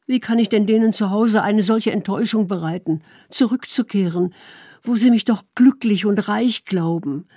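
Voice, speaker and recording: A woman's voice: mid-range voice, normal speed, mellow, no room sound, clean studio sound, pitched above the performer's own voice, lightly acted. A woman voicing a deceived young wife who heaps accusing, pleading questions on her husband. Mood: defiant.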